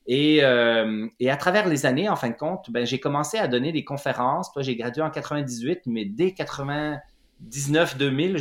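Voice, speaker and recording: Middle-aged Quebec man in a roomy space. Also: mid-range voice. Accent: Quebec French. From Quebec, Lac-Saint-Jean. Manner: hesitant, many fillers and restarts. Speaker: guest, running clinic founder. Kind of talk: casual interview storytelling. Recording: roomy echoey room.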